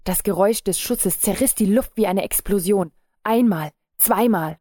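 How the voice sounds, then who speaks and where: A woman narrating an audiobook in a calm, measured read. Her voice is mellow and dark, at an ordinary pitch for a woman. The recording is close and dry. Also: no echo.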